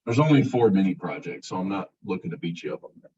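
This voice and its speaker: A male college instructor giving a casual classroom lecture, relaxed and self-described as monotone. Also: sits low, fast, background noise. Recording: muffled, distant classroom recording.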